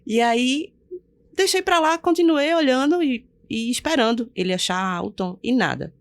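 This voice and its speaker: A middle-aged woman pastor telling her personal testimony in a casual interview, animated and playing out the voices of people in her story. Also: high voice, normal speed, no room sound, clean studio sound. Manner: animated storyteller who acts out quoted voices and laughs often. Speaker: pastor, podcast guest.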